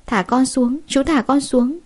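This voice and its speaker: Lady doing a scared little girl in a story, crying out high and pleading, soft dark tone. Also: a little slow. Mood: terrified. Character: frightened little girl kidnapped in the rain.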